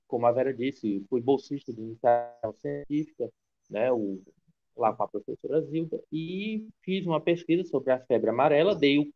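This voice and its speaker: A man from Ceará, giving an online academic lecture in a hesitant way, with many restarts. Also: mid-range voice. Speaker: guest lecturer. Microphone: video call. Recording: dull lo-fi video call audio.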